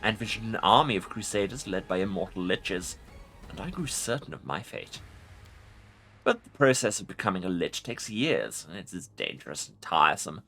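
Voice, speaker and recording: A man's voice: deep voice, very animated, normal speed, bright, forceful tone, faint music behind, heavily acted. A man voicing an ancient undead lich from a fantasy game, arrogant and imperious, with pompous formal speech. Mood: grandiose. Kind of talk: dramatic video game role-play reading.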